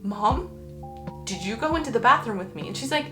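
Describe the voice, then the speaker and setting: A woman's voice: on the high side, animated, a little fast. A young woman vlogging a casual storytime to camera, rambling with lots of "like" and "um" and casual swearing. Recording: roomy echo with faint background music.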